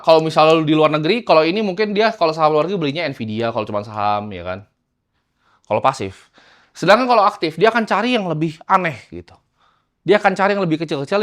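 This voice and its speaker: Man, fairly high voice, casual investing teacher, chops lines into short bursts. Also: a bit bright. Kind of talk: casual lecture over slides.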